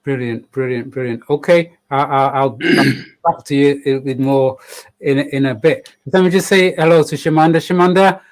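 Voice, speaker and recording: A man's voice: medium pitch, normal speed. A man hosting a chat show, encouraging and friendly with his guests. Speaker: host. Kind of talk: casual conversation.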